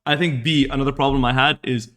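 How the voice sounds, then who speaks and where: A man's voice: medium pitch, steady tone, fast talker, fairly bright tone. A young man from Saudi Arabia talking earnestly and repetitively to his live chat as a streaming podcast host. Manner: earnest, repetitive, self-reflective. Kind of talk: casual monologue to live chat.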